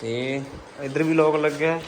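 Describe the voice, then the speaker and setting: A man's voice: fairly high pitch, fairly even intonation, a little slow, a little mellow. A man with a Punjabi accent chatting casually as a pigeon-keeping vlogger, often coaxing his birds with repeated calls and endearments. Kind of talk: casual vlog chat. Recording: noisy handheld recording with ambient sounds.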